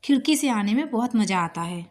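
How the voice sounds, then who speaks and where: A woman voicing a playful, teasing young woman in a spoken love story, in a fairly high voice. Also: lively intonation, a little fast, darkish tone. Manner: cheeky, teasing.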